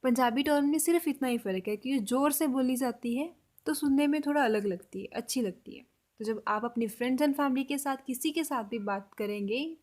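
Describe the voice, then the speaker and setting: A woman gives a spoken language lesson. Her voice sits a little high, and she talks patiently, saying each example phrase slowly and repeating it for learners. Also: darkish tone. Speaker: language teacher.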